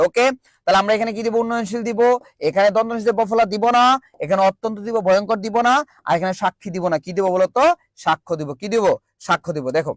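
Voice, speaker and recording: Brisk high-voiced male teacher. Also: dry recording. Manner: drilling call-and-response, repeats each question. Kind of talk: online grammar class. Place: virtual classroom.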